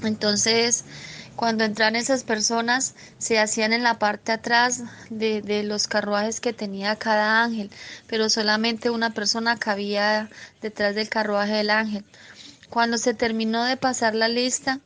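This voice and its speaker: A woman gives a spoken testimony of a religious vision in an earnest, halting way, often stopping and starting her sentences again. Her voice sits slightly high and stays flat, with little rise and fall. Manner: earnest, halting, with frequent restarts. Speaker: believer sharing a vision testimony.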